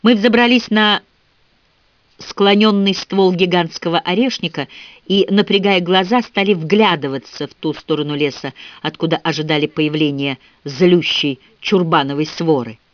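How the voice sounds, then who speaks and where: A man reading a literary audiobook in a measured storytelling voice. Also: high-pitched, no room sound. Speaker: audiobook reader. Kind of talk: scripted literary narration. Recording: dull, dry lo-fi recording.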